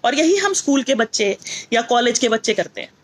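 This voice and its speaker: Speaking briskly and with great animation, a middle-aged teacher and motivational speaker delivers a lesson in blended Hindi and English. Her voice sits on the high side, and she has a North Indian accent. She repeats points forcefully and leans on rhetorical questions.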